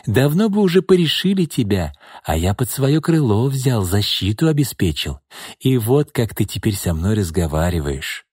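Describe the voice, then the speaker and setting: A smug, mocking thug from an audiobook, voiced by a male reader, sneering and then dropping to low, husky threats. The voice is close and dry. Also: big pitch swings, moderate pace, a little mellow, dry recording. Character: menacing smug middle-aged pimp and thug.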